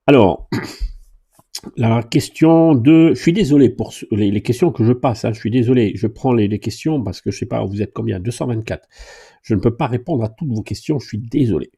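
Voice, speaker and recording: A man's voice: on the low side, a little fast, gravelly, warm tone, husky. A man who teaches driving, answering viewer questions live in a chatty, joking way and reading comments aloud. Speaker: driving instructor and YouTuber.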